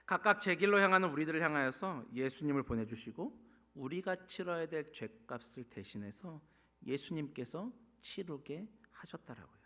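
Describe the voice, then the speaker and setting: A man preaching a sermon as pastor, swinging from loud pleading questions to hushed whispers. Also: on the high side, lively intonation, moderate pace. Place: church sanctuary. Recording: long church hall reverb.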